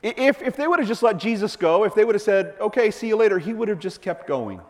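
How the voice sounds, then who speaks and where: Animated male preacher in a reverberant hall. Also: high voice, fast talker. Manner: animated, playful, acts out voices of Bible figures. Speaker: pastor. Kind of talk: sermon.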